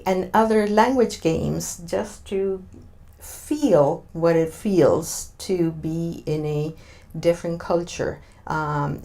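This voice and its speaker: Slow, thoughtful Argentine woman. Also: low-pitched, vocal fry, mellow. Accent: Argentine Spanish. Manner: thoughtful, many filler sounds, searching for words. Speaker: interview guest. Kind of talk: interview answers.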